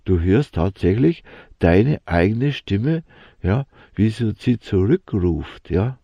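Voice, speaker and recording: A man speaks very slowly in a low, gravelly voice, leading a meditative spiritual talk. He hesitates, restarts his words and keeps adding a soft questioning "ja". The sound is dull and lo-fi, close and dry. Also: animated, dry recording. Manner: slow, halting, searching for words. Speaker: spiritual teacher.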